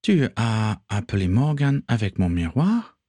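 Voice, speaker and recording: A man voicing a gentle, heartfelt young Englishwoman in a read-aloud story. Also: fairly low pitch, very animated, measured pace, dry recording, clean studio sound. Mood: tender. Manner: soft, raised voice.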